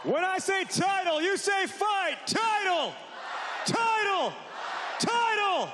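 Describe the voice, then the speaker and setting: A man announcing a fight to an arena crowd, calling out names in drawn-out booming calls. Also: expressive, noisy background. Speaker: ring announcer. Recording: echoey arena with long reverb.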